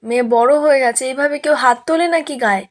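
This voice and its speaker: A woman's voice: high voice, fast talker, close to an everyday voice. A woman voicing a stern middle-aged father rebuking his daughter in a spoken serial recap. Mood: firm. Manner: firm, rebuking.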